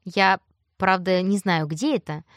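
A woman's voice: on the low side, measured pace, a bit bright, dry recording. Woman reading an audiobook, dry close sound. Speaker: audiobook narrator. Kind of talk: expressive audiobook reading in first person.

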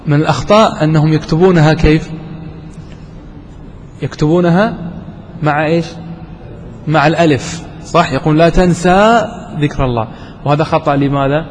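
A man with a somewhat high voice leads a grammar lesson, quizzing his students and going back over each example slowly and deliberately. His voice carries a long hall reverb, with faint background noise underneath. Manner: asks questions, repeats examples slowly. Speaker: teacher.

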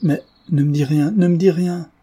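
A man reading aloud, voicing a young woman who pleads with her father in anguish, his voice lifted higher than his narration. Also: lively intonation, measured pace, warm tone, husky, heavily acted. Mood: pleading. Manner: pleading, breathless, rising to cries.

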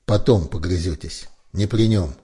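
A man voicing a stern man who shouts to stop a fight. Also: deep voice, moderate pace, slightly rough. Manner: shouting, commanding. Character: commanding man called the Ghost, stern peacemaker.

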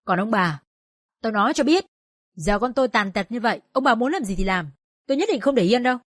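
A woman voicing a furious older village woman who shouts and curses shrilly. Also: medium pitch, lively intonation, moderate pace, husky, no room sound, clean studio sound. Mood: shrill wailing.

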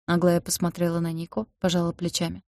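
A woman giving even, scripted audiobook narration. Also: on the low side, fast, vocal fry, no room sound, clean studio sound.

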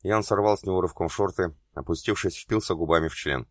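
A man reading an erotic novel aloud as an audiobook narrator, in a steady, even way. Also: low-pitched, fairly quick, no room sound, clean studio sound.

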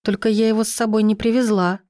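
A woman's voice: mid-range voice, little pitch movement, fast talker, mellow, no echo, studio quality, pitched above the performer's own voice, close to an everyday voice. A woman reading the lines of an earnest, pregnant young woman in an audiobook. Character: pregnant young woman, worried but resolute.

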